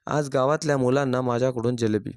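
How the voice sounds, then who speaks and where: A reformed miserly village merchant, middle-aged and calm, speaks with earnest conviction, as a male storyteller quotes him. The voice stays at an ordinary middle pitch and sounds dry and close, with no room around it. It suits a storybook read-aloud. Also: fast talker, clean tone, dry recording, natural voice.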